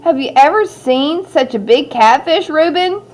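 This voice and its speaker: A woman reading a storybook and voicing a calm adult male scoutmaster with measured, unhurried remarks. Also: sits high, voice pushed up. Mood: calm, approving. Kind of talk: storybook character voice.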